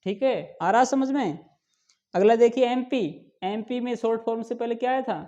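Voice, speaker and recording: Mellow-voiced man teaching a grammar lesson. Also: extremely high pitch, dull audio. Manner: asks questions and answers them himself, emphatic; drawn-out slow pronunciation of examples. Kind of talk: classroom lesson explaining English grammar.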